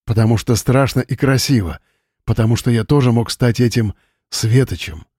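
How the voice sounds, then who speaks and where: A man voicing a grown village simpleton with a slow, singsong, childlike way of talking in an audiobook. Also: mid-range voice, mellow, breathy edge, no room sound, studio quality, close to an everyday voice. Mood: eerie.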